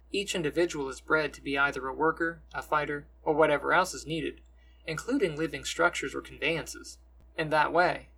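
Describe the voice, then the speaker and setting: A man narrating a science-fantasy story in measured, descriptive storytelling. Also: fairly high pitch, creaky, pushed and bright, breathy edge, low-quality recording. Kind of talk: scripted fantasy audiobook narration.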